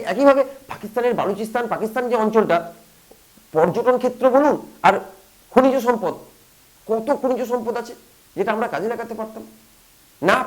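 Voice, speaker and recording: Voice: mid-range voice, rough recording. A commentator from West Bengal delivering an impassioned opinion monologue, full of rhetorical questions and repeated phrases.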